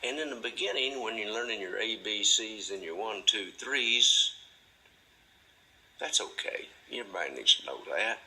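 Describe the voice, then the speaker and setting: Low-voiced man with a bright, forceful edge. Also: animated, low-quality recording. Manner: drawling, folksy, mimics a delighted parent in a high voice; slow, deliberate delivery. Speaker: host. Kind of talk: monologue to camera.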